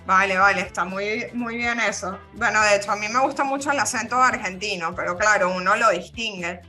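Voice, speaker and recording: A woman's voice: medium pitch, fairly quick, pushed and bright, faint music behind. A woman hosting a podcast interview, chatty and encouraging, often giving short affirming sounds. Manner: chatty, encouraging, frequent backchannel. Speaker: podcast host.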